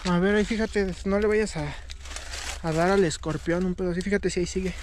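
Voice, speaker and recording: A woman's voice: lowish voice, steady tone, a little fast, a little mellow. A woman with a Mexican accent chatting nervously and casually in slang on an outdoor night exploration vlog. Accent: Mexican Spanish. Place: outdoors in rough woodland at night. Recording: noisy outdoor field recording with clicks.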